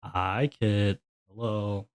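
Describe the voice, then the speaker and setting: A man's voice: on the low side, flat delivery, extremely slow, dry recording. A man streaming live who talks to his chat in a sarcastic, grumbling, exasperated way. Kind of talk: casual livestream chat.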